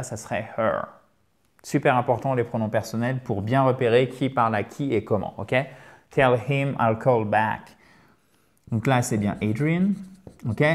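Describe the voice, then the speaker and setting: A man teaching English phone phrases in a video lesson, lively, drilling the same phrases over and over slowly. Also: mid-range voice.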